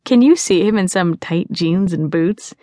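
A woman's voice: lowish voice, a little slow, mellow, dry recording, natural voice. A woman voicing a wry, playful teenage girl photographer who teases her friends. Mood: teasing. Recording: dry studio.

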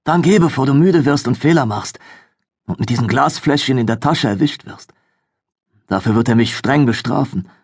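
A man voicing a captive younger sister who speaks softly and reassuringly in an audiobook. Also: medium pitch, animated, moderate pace, breathy edge, dry recording, studio quality, pitched above the performer's own voice. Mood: urgent.

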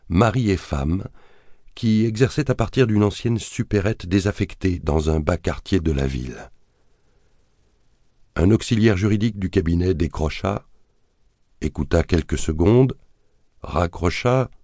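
A man narrating a thriller audiobook in a measured, dramatic reading that colors the quoted lines. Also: low-pitched, mellow, no room sound, clean studio sound. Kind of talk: scripted narration of a thriller novel.

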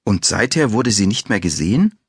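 A man's voice: on the low side, sing-song, moderate pace, husky, dry recording, studio quality, heavily acted. A man voicing a composed, friendly female detective in an audiobook. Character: female detective, calm and polite.

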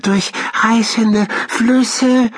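A man voicing an excitable young male hamster in a children's audiobook, stammering in his excitement. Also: very high voice, drawn-out words, breathy edge, voice pushed up, full character voice. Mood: excited.

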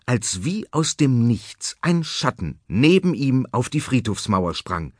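A man narrating a children's story in a lively, expressive way. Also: mid-range voice, slow, dry recording. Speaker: audiobook narrator. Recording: dry studio audiobook.

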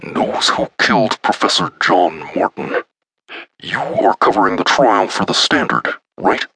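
A mysterious anonymous caller, as a male narrator puts him on, speaking slowly and cryptically through a voice scrambler. The voice sits very low and gravelly, with a husky, raspy grain. The sound is dry and close. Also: lively intonation, pushed and bright, no echo, full character voice. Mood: cryptic. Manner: slow, cryptic, solemn.

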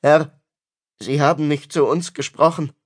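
A man's voice: a little high, normal speed, a little mellow, close to an everyday voice. Man doing a male priest, frightened, stammering, fantasy audiobook. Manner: stammering, fearful.

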